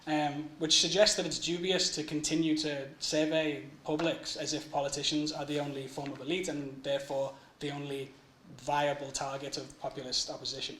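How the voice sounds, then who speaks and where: Higher-voiced young man presenting, echoey. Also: fairly bright tone. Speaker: PhD researcher presenting. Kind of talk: academic conference presentation. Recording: echoey room with faint noise.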